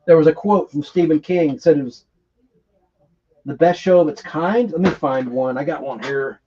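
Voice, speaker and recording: A man's voice: on the high side, normal speed, a little mellow, dull audio, slight background noise. A man hosting a casual nostalgic TV live stream, talking in a rambling, enthusiastic, geeky way.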